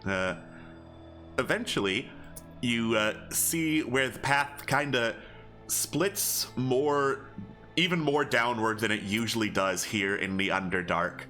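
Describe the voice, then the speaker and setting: Slow, bright-voiced male game master. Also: mid-range voice, faint music behind. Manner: halting, conversational. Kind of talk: improvised tabletop game narration.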